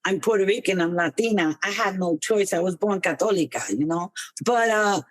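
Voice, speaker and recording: An older woman from New City, telling personal stories as a podcast guest in an expressive, conversational way. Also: on the low side, normal speed, no room sound. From New York City. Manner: conversational, expressive, uses Spanish and Yiddish words. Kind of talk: reflective personal storytelling.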